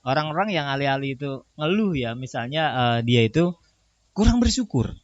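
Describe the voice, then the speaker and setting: A man's voice: mid-range voice, lively intonation, moderate pace, no room sound, dull audio. A man co-hosting a casual podcast chat, laughing often and acting out examples with animation. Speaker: podcast co-host.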